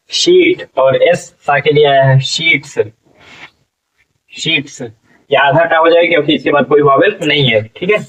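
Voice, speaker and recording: A man's voice: a little high, a bit bright. A man teaching English phonics in a spoken lesson, spelling words letter by letter, repeating them and asking what each becomes. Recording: distant, dull lo-fi classroom recording.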